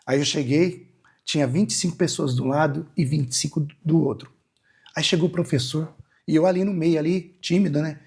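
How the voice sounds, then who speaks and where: A man's voice: a little high, fairly even intonation, fairly quick, a little mellow, breathy edge. A Brazilian man with a Brazilian Portuguese accent, a musician and hypnotist guest telling rambling anecdotes in an interview. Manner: rambling anecdotal storytelling with many asides. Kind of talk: storytelling interview answer.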